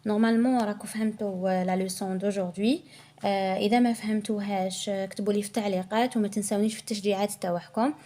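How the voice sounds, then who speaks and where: A woman teaching a French pronunciation lesson, reading example sentences slowly and carefully and switching between Arabic and French. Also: mid-range voice, fairly even intonation, warm tone.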